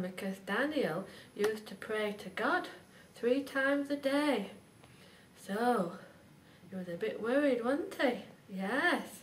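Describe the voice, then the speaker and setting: A woman telling a Bible story to young children in a gentle, sing-song way, often asking the listener questions. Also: medium pitch. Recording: roomy, distant mic, faint background hiss.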